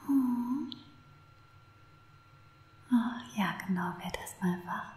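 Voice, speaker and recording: This ASMR roleplay features a woman as a smitten, fixated stalker who coos softly to her captive, her breathy whisper slow and near the mic. The voice is mid-range and a little mellow, set in reverberant acoustics, and the mood is doting.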